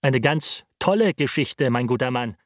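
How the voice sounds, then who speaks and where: A man's voice: mid-range voice, lively intonation, normal speed, dry recording, studio quality, lightly acted. A man voicing a stern, proper middle-aged male lawyer who speaks in a reproachful, formal tone.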